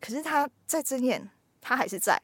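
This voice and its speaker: A young woman, a podcast host casually telling ghost stories with lively suspense. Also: sits high, normal speed, husky, no room sound. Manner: lively storyteller, builds suspense.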